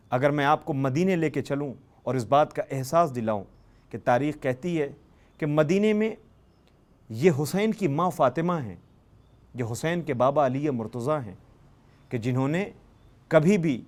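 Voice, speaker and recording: A man's voice: mid-range voice, a little mellow. A man giving an emotional religious sermon, telling a story with dramatic rises on key phrases. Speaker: religious speaker.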